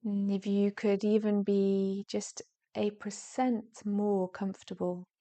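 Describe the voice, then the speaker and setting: A woman guides a yoga nidra relaxation gently and soothingly, her medium-pitched voice showing little pitch movement. Her soft phrases grow breathy at the ends, with long pauses in between.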